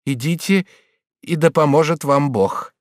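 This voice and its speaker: A man's voice: on the high side, unhurried, no echo, clean studio sound, voice pushed up, lightly acted. A man voicing an anxious, motherly older woman in an audiobook. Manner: anxious, fretful.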